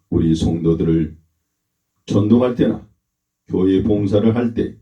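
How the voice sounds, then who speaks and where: Slow, deep-voiced preaching pastor. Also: male voice, warm tone. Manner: slow, emphatic preaching with calls for the congregation to repeat. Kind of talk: sermon. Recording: roomy, dull lo-fi church recording.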